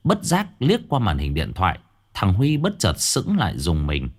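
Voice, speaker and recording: Lively low-voiced male horror storyteller. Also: normal speed, husky. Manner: dramatic, drops pitch for suspense. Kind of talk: scripted narration. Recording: faint background music.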